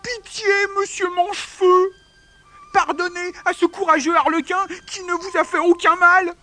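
A shrill storybook puppet, calling out in a very high, bright, piercing voice. Faint music sits behind it. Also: male voice, animated, takes it slowly, exaggerated voice. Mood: pleading. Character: loud cheerful male stage puppets.

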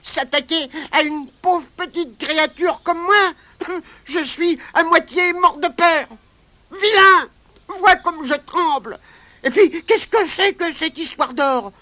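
Woman doing a squeaky, sly little leprechaun. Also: slow pace, bright, forceful tone, no room sound, heavily acted. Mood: indignant. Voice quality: very high, squeaky and shrill. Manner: sly and pleading, fakes tears and fright. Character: tiny, wily, whining male leprechaun.

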